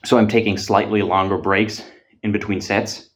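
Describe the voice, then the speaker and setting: Man, winded, very low voice, hesitant, swears casually, fitness vlog chat. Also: little pitch movement. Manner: halting, with frequent filler pauses and casual swearing. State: out of breath. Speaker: fitness vlogger. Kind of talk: casual vlog talk between gym sets.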